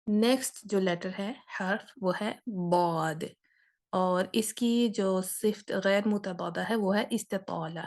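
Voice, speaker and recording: Woman teacher, slow patient explaining, drags out letter sounds to show them. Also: mid-range voice. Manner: patient, demonstrates sounds slowly and repeats them. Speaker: Quran recitation teacher. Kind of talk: explanatory lesson.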